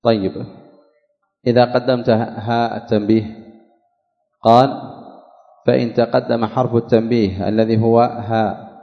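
A man teaching a classical Arabic grammar lesson, slowly explaining a text and repeating key phrases and examples. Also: medium pitch, flat delivery. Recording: dull lo-fi sound with long hall reverb.

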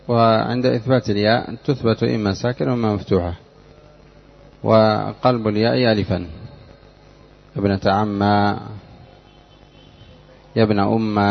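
A man's voice: fairly low pitch, gravelly. Man teaching grammar in a lo-fi recording. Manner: drills students with repeated questions; measured, explanatory delivery. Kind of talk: classroom grammar lesson. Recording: dull lo-fi lecture recording.

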